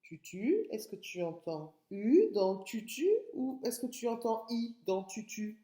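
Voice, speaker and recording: A woman teaching a phonics lesson to young children, sounding out each word slowly and stretching the syllables. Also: medium pitch, warm tone. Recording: echoey room.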